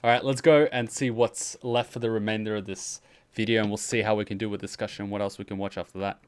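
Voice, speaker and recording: Lowish and steady, this man talks fast in a clear, resonant tone. As host of a reaction livestream, he chats and comments casually and with enthusiasm, swearing now and then.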